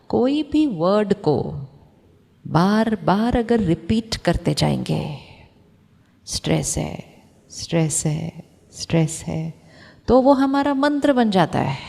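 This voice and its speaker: A woman giving a calm, reflective spiritual talk to an audience of doctors, asking them questions and mixing in English phrases. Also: medium pitch, creaky, big-room sound. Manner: mixes Hindi with English phrases. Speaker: spiritual teacher.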